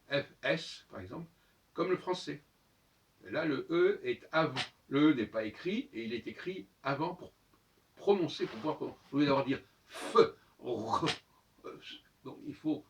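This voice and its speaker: Man, solo monologue, halting, many fillers, spells out letters, mid pitch, a bit distant from the mic. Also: slight background noise. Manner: halting, with frequent fillers and restarts. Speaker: host of his own channel.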